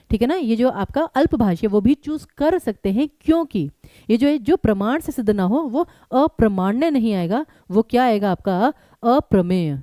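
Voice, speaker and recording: Addressing her students head-on, a female teacher leads a live exam-prep session with lots of animation. She has a rather high, mellow voice that rises and falls widely, captured up close in a dry recording without any room sound.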